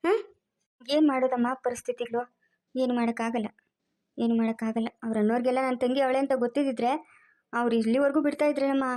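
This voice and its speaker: A woman with a rural Karnataka Kannada accent, speaking in acted family drama dialogue with quick, scolding and coaxing colloquial talk. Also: a little high, flat delivery, mellow.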